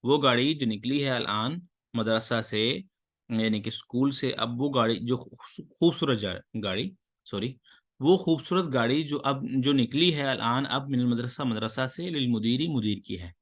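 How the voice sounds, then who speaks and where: A man's voice: mid-range voice, fairly bright tone. Man teaching Arabic line by line. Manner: reads Arabic lines, then translates and explains; praises the student's answers. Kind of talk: online Arabic lesson.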